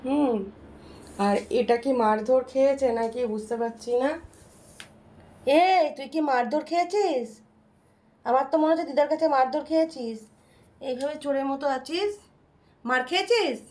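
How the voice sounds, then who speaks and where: A woman's voice: sits high, normal speed, long pauses, darkish tone. A woman host chatting casually in a home vlog, scolding and cooing at her pets as she goes. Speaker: home vlogger.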